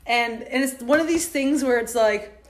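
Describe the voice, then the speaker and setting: A woman's voice: on the high side, normal speed. A woman in casual podcast chat, blunt and swearing freely as she retells gossip.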